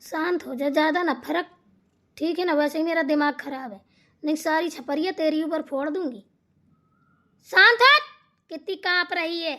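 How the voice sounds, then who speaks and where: A woman voicing a sharp-tongued old mother-in-law in a cartoon comedy, scolding and complaining in rustic turns of phrase. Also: sits high, steady tone, moderate pace, lightly acted.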